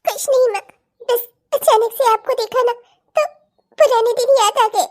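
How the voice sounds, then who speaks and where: A woman voicing a troubled young pregnant daughter-in-law brooding quietly over her secret sorrows. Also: very high-pitched, moderate pace. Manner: hushed, brooding inner speech.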